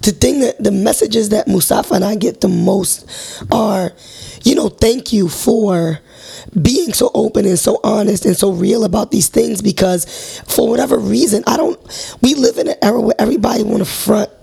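A woman hosting a casual, candid chat show, her voice hoarse from a cold and sore throat. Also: mid-range voice, normal speed, warm tone. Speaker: host.

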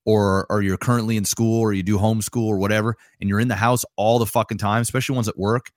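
A man in his thirties co-hosting a casual podcast, talking in a laid-back, drawn-out way with plenty of swearing. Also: on the low side, level tone, dry recording, studio quality. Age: 30s. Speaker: podcast co-host. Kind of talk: casual chat.

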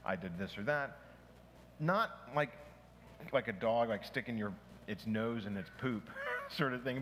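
A man's voice: medium pitch, fairly bright tone. Man teaching a church group in a reverberant hall. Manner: conversational, restarts and asides, asks the group questions. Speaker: pastor. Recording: long hall reverb, faint noise.

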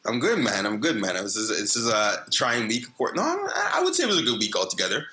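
A man's voice: fairly low pitch, wildly swooping pitch, fast, pushed and bright. A man co-hosting a casual chat, slangy and repeating phrases for emphasis. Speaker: show co-host, teacher.

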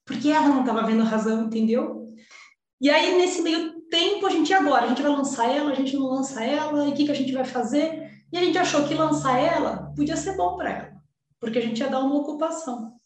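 Brazilian businesswoman, high bright voice, chatty and heartfelt, heard from a distance. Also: brisk, slight background noise. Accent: Brazilian Portuguese. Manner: emotional, chatty, peppered with slang fillers. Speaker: entrepreneur guest. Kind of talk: casual storytelling. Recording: very echoey room, voice off-mic.

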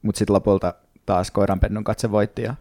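A man chatting casually as a podcast co-host, speaking in a halting, sheepish way. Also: on the low side, little pitch movement, warm tone, no echo, studio quality. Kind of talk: casual chat.

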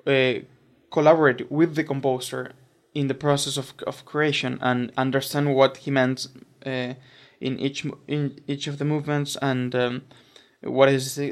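Young guy, smooth flat voice, lots of ums and restarts. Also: medium pitch. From Argentina. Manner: hesitant, many fillers and restarts. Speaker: doctoral student guest. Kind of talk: casual interview talk.

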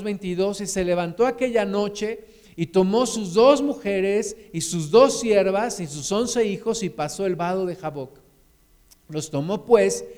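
A middle-aged man, preaching a sermon as a pastor and retelling the story with animated storytelling. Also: high voice.

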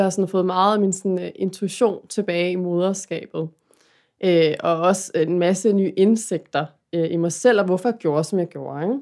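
A woman's voice: on the low side, a little mellow. A woman talking openly and thoughtfully in a casual chat, often ending with a questioning tag. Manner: open, confiding, thoughtful.

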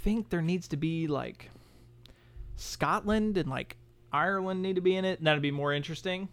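A man's voice: sits high, normal speed, fairly bright tone, clear, resonant tone. A man co-hosting a podcast in casual chat, full of crude jokes and loose banter. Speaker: podcast co-host.

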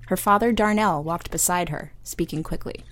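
A woman narrating an audio drama in a measured storytelling manner. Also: on the low side, fairly bright tone.

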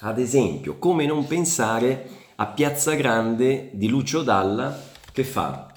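A man teaching Italian in a casual online lesson, chatty and often checking in with quick tag questions. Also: mid-range voice, expressive, roomy sound. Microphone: camera.

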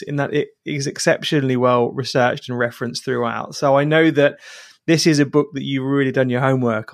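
A man's voice: mid-range voice, dry recording, clean studio sound. Chatty English man hosting a podcast. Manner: friendly, chatty with restarts. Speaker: podcast host. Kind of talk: podcast interview.

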